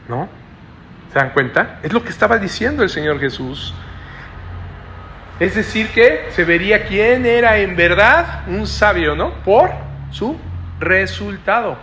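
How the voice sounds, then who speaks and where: A man preaching a Bible study sermon, explaining slowly and repeating phrases while he keeps checking in with his listeners. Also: on the high side, sharp tone, a little hiss or hum. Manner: keeps adding questioning "¿no?" tags to the listeners. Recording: echoey room.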